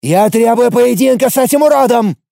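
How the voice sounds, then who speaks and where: A man's voice: sits high, expressive, normal speed, vocal fry, dry recording, studio quality, voice pushed up, full character voice. A man doing a hot-headed arrogant teen. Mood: angry. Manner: shouting, taunting. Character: arrogant hot-headed teenage boy, a count.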